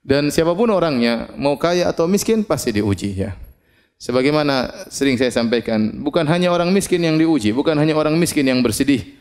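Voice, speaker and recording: Male preacher, measured sermon. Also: a little high, animated, a little mellow. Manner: measured preaching with frequent "ya" fillers, recites Arabic verses. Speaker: Islamic preacher.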